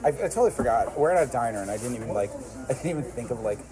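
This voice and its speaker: An American man with a mid-pitched voice chats casually in a diner. He tells stories with repeated phrases, over clear crowd bustle. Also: expressive, racing, rough recording. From United States, suburbs. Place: inside a busy diner. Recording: busy diner chatter behind the voice. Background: crowd chatter.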